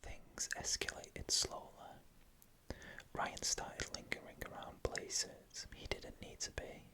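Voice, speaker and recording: A person whispering scary first-person stories in a hushed, unvoiced ASMR narration from start to finish. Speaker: storyteller.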